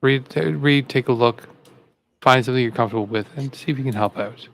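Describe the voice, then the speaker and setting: A man's voice: medium pitch, fairly quick, creaky, a bit bright. A man co-hosting a live political talk show, rambling and repeating himself as he gets fired up. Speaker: co-host. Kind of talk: casual political commentary.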